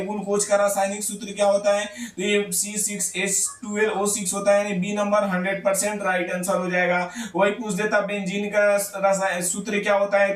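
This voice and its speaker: A man's voice: sits high, a bit bright, roomy sound. A man teaching as a tutor, walking through exam questions and repeating each answer with rhetorical questions.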